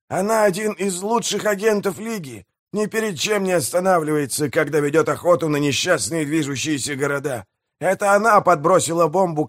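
A man's voice: sits high, voice pushed up. Growling pirate mayor, a man putting it on. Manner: growling, boastful.

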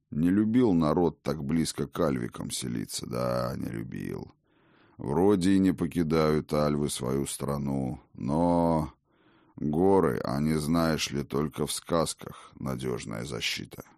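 A man reads the part of an ancient, imperious god-king with a very deep, gravelly voice. He speaks slowly and commandingly, his pitch swinging widely. The sound is close and dry. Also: animated, a little mellow, dry recording, full character voice. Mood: musing. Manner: commanding, slow and rumbling. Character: old male god-king, imperious and hearty. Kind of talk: audiobook character reading.

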